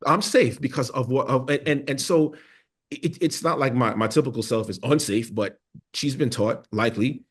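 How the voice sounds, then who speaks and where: A man's voice: medium pitch, moderate pace, breathy edge. A man speaking as a podcast guest, telling his story in an earnest, reflective conversational way. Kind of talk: conversational interview.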